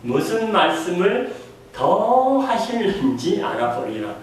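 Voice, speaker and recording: A man's voice: high voice, big pitch swings, slow. A man delivers a sermon as a pastor, questioning his listeners and acting out the voices he quotes. He stands some way from the microphone, and his words ring through a strongly echoing hall with a faint hum of room noise underneath. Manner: asks the congregation questions and acts out quoted voices. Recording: echoey room heard from a distance.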